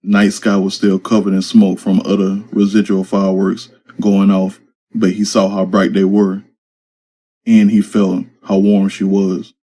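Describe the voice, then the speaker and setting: Low, flat-voiced man telling a story. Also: unhurried, breathy edge. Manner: casual slangy storytelling. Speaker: narrator. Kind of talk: reading his own urban fantasy story.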